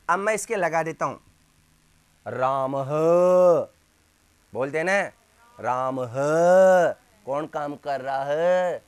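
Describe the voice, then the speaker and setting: A man's voice: fairly high pitch, fairly bright tone. A man teaching a Hindi grammar lesson, drilling letter sounds one by one and asking questions that he answers himself. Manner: drills sounds slowly, asks and answers his own questions. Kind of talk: classroom lesson.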